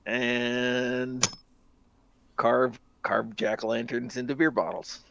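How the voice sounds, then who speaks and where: A man on a casual podcast, cracking goofy deadpan jokes. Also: medium pitch, takes it slowly, creaky, a little hiss or hum. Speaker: podcast co-host.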